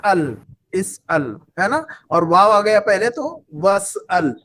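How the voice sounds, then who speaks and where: A man's voice: sits high, big pitch swings, slow, fairly bright tone. A man teaching an Arabic class, patiently repeating phrases and quizzing his students. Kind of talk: online class lesson.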